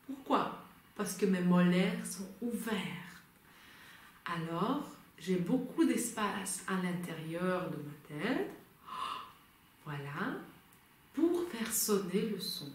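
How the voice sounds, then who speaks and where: A woman's voice: lowish voice, big pitch swings, slow pace, a little hiss or hum. A woman singing teacher guiding a vocal lesson patiently, reassuring and coaching step by step. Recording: very echoey room.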